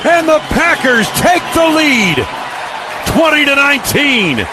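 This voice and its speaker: Against a crowd in the background, a man with a very high voice calls football play-by-play on the radio at a slow pace. His lines come in clipped, punchy bursts, growing more excited on the plays, all over a noisy stadium broadcast feed.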